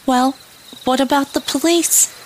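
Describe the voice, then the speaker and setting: An actress playing a nervous, prim and expressive young woman in an audio drama. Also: sits high, unhurried. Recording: noisy night ambience with crickets and owls.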